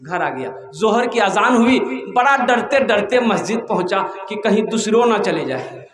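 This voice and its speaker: Man from Kolkata, humorous preacher, very high pitch, roomy echoey hall. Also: expressive, normal speed, a bit bright. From Kolkata, India. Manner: storytelling, urging the crowd to answer. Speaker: Islamic preacher. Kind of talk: humorous religious sermon. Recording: echoey hall with long reverb.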